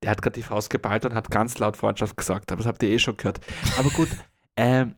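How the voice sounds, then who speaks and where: A man's voice: fairly low pitch, steady tone, quick pace. A young man co-hosting a casual comedy podcast, teasing and mock-serious. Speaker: podcast co-host.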